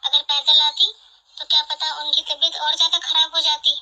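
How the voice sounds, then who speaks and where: Woman doing a sweet young bahu, gentle and pleading, high very bright voice, cartoon family drama. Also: level tone, normal speed, muffled recording. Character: kind, caring young daughter-in-law. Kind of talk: animated family drama voice acting.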